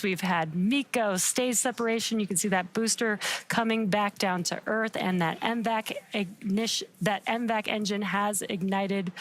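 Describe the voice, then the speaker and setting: A woman giving upbeat, explanatory live launch commentary. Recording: very noisy feed with rumbling background.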